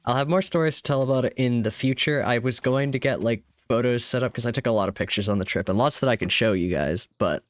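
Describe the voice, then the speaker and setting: A man's voice: mid-range voice, fast talker, hardly any pauses, no room sound. A man chatting casually on his live stream, rambling with small laughs, his voice a little sick and tired. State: sick and slightly hoarse, tired. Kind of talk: casual live-stream chat while gaming. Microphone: desk microphone.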